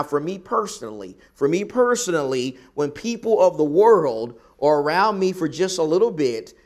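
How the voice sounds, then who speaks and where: A man with a Southern US accent preaching a sermon, repeating phrases for emphasis with deliberate pauses. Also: on the high side, a little mellow. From American South. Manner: rhetorical repetition with emphatic pauses.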